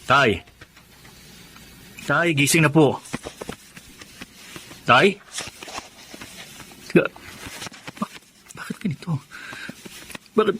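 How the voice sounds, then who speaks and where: A man playing a polite young adult son in a radio drama, who shifts to panicked shouting. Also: medium pitch, slight background noise. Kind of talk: Filipino radio drama acting. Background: background music.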